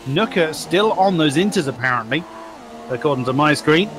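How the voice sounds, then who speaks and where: A man with a notably high voice calls a car race as a live motorsport commentator. He reacts to the track action with exclamations. Faint engine and background noise sits under his voice. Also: expressive, normal speed.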